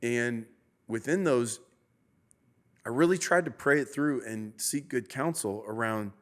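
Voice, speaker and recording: A man's voice: mid-range voice, measured pace. A man, a pastor hosting a podcast, talking through his thoughts in an earnest, preacherly way and asking himself rhetorical questions. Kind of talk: reflective conversational podcast talk.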